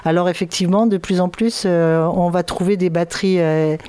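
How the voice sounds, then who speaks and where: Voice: medium pitch, steady tone, moderate pace, warm tone, clear, resonant tone, no echo. A drummer answering radio interview questions, explaining in a hesitant way. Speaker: drummer guest.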